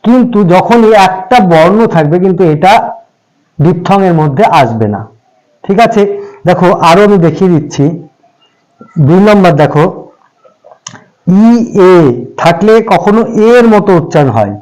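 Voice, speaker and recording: A man's voice: high-pitched, expressive, moderate pace, long pauses, darkish tone, poor audio. A man teaching English pronunciation, spelling out letters one by one and repeating each sound patiently. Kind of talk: slow classroom explanation.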